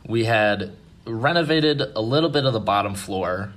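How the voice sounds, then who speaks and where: A man with a fairly low voice telling a ghost story the way you'd tell it to friends. He is relaxed and self-mocking, with swearing thrown in. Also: normal speed, slight background noise. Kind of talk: casual spoken ghost story.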